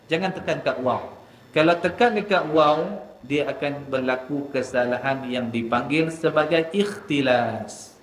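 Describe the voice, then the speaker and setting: Man teaching recitation in an echoey mosque. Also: mid-range voice. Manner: demonstrates letter sounds slowly, then explains briskly. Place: mosque hall. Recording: echoey mosque hall with faint ambience.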